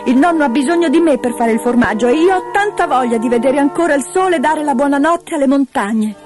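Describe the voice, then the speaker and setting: A woman's voice: high-pitched, lively intonation, fast, pitched above the performer's own voice. A woman voicing a spirited, homesick little mountain girl in a storybook reading, raising her voice to sound childlike. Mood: pleading. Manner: eager, raised childlike voice. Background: background music.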